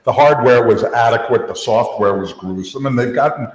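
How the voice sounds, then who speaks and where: A man talks through tech news in a loose, rambling way, restarting his sentences and leaning on "you know." His voice sits in an ordinary middle pitch. The room around him is echoey, with a long reverb tail. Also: moderate pace. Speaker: co-host. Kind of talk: casual tech podcast chat.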